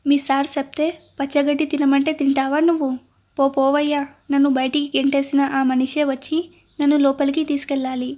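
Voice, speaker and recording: A woman reading out a loud, stubborn village bride in a storybook, scolding in rustic speech with a high, flat voice. She talks down to everyone. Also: brisk, close to an everyday voice.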